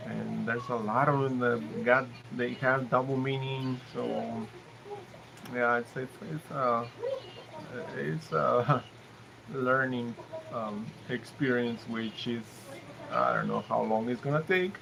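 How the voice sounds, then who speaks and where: A Mexican man whose first language is Spanish hosts a live stream, chatting casually in a gravelly, medium-pitched, steady voice. He speaks haltingly, pausing and restarting often, and there's noticeable background noise.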